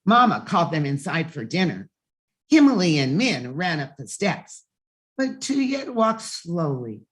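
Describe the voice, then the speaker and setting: A woman with a fairly low-pitched voice reads a children's bedtime story aloud, expressive and emphatic, with deliberate pauses.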